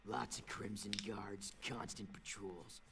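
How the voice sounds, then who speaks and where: An actor voicing a gruff male resistance commander in a video game, giving clipped briefing orders. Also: lowish voice, steady tone, slow pace, pushed and bright, exaggerated voice. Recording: distant faint game audio.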